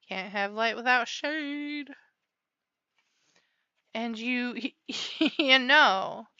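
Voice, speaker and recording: A chatty woman talks through a tarot reading in a relaxed, rambling way. Her voice is bright and smooth, with an unhurried pace. The recording is dry and a little dull in its highs, as if made in a small quiet room. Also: no room sound. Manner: chatty, rambling, laughs often. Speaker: tarot reader.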